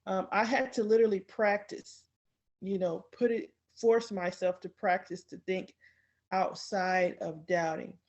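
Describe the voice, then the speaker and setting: A woman's voice: medium pitch, fairly even intonation, a little slow, darkish tone. A woman guest on a podcast speaking candidly about her own experience, with many fillers, acting out her inner thoughts. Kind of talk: casual personal talk.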